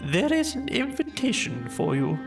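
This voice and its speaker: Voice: medium pitch, wildly swooping pitch, normal speed, vocal fry, music in the background, pitched above the performer's own voice. A storybook narrator voicing a fussy, self-important owl who speaks with emphasis. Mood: announcing.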